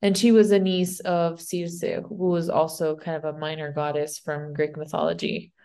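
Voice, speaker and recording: A woman's voice: sits low, little pitch movement, normal speed, warm tone, smooth. Rambling woman with a Spanish accent. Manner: rambling, unsure, lots of "like" and restarts. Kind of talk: casual chat retelling a myth.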